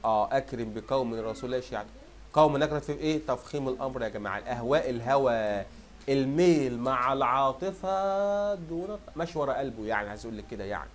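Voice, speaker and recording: A young man with an Egyptian Arabic accent, teaching a fast exam review and firing questions at students, then answering them himself. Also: mid-range voice.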